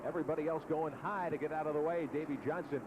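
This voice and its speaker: A man's voice: on the high side, fairly even intonation, quick pace, dull audio. A man calling a car race as the lead announcer in live sports commentary. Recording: loud track noise behind broadcast.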